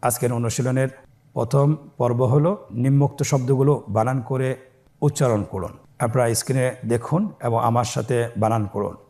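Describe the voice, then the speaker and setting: A middle-aged man teaching a step-by-step Quran reading lesson, spelling out letters slowly and then explaining in quicker bursts. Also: medium pitch, warm tone.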